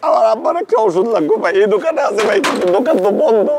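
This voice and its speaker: A man's voice: sits high, very animated, racing, noisy background. Kabir, a frantic pleading young man. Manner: pleading, repeats words in panic. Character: desperate young man searching for his mother's medicine. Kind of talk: TV drama acting.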